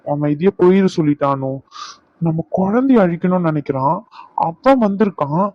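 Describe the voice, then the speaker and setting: A man plays a hot-headed young husband in a cartoon, blunt and quick to flare up. The voice sits a touch high, recorded dry with dull, muffled sound. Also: a little mellow, dry recording. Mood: angry. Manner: blunt, quick to anger, then pleading. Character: hot-tempered young husband, protective of family. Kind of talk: cartoon voice acting.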